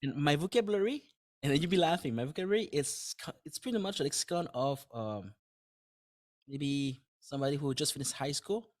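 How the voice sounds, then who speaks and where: His voice is on the high side, expressive and a little fast as the French-native dentist and author talks on a podcast. The conversation is casual; he uses simple words, restarts his phrases often and laughs lightly while thinking aloud.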